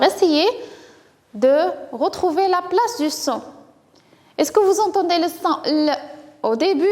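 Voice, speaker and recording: A woman's voice: high voice, in a large hall. A woman with a Moroccan accent teaching a first-grade French phonics lesson, patiently repeating words syllable by syllable and praising the children. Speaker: primary school teacher.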